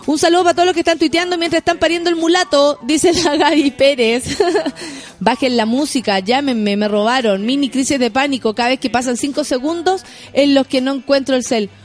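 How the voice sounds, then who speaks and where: High-voiced Chilean woman, chatty radio host. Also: fairly even intonation, a little fast, soft background music. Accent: Chilean Spanish. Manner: chatty, laughs often, slangy and playful. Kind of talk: casual morning radio chat, reading listener messages.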